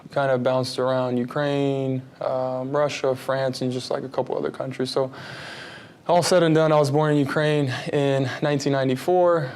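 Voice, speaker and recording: A relaxed man in his thirties who grew up in Texas talks through his answers in a casual interview. He rambles a little and keeps his voice level and even, with hardly any rise or fall. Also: medium pitch, normal speed, clean tone. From United States (Texas). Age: 30s. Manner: relaxed, rambling, many fillers and restarts. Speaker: basketball player, interview guest.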